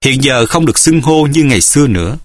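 A man's voice: medium pitch, animated, a little fast, no room sound, studio quality, natural voice. A male storyteller voicing a cold, aloof young swordswoman who speaks curtly and formally in a martial-arts audiobook. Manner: curt, formal, distant.

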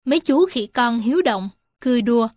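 A woman reading animal stories and facts aloud to young children, gentle and addressing them warmly as little ones. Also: a little high, animated, fairly quick, no echo, clean studio sound. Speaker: storyteller for children. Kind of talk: children's storybook narration.

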